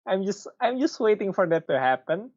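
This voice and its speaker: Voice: medium pitch, sing-song, normal speed, a little mellow. A quiz participant on a video call, chatty and teasing. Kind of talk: casual online quiz chat. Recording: dull lo-fi video call audio.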